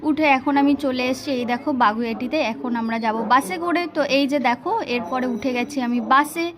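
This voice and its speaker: A young woman, hoarse from a cold, chatting casually through her daily vlog. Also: high voice, fairly quick. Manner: chatty, breezy running commentary. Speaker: vlogger. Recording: noisy home and street ambience.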